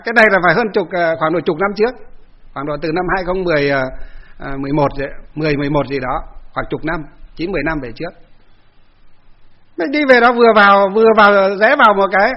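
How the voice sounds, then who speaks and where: A man's voice: high voice, highs cut off. A man, a Buddhist monk, giving a dharma talk in a chatty storytelling way with many fillers.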